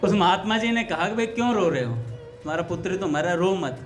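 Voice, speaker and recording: A man with a high voice gives a relaxed devotional talk and tells anecdotes. He acts out the dialogue of the people in his stories. Soft music plays faintly behind him. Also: a little fast. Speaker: satsang speaker.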